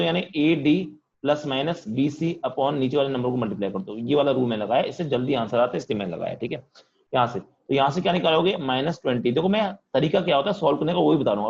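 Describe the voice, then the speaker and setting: Loud man teaching physics over a call, voice a bit strained, dull lo-fi sound. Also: a little high, gravelly. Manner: talks loudly to students, says he is shouting. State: voice feels strained from shouting. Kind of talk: online class lecture. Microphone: computer mic on video call.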